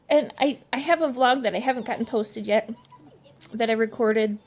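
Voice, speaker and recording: A middle-aged woman vlogging about her life in a rambling, emotional way, her voice sitting a little high. She trips over her words and restarts often. Faint noise hums behind her. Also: unhurried. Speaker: vlogger, mother. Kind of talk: casual personal vlog.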